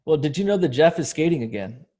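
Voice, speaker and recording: A man's voice: a little high, animated, fast, mellow. A man of forty, a podcast co-host who jokes in a sarcastic, mock-ranting way. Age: 40s. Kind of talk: casual chat.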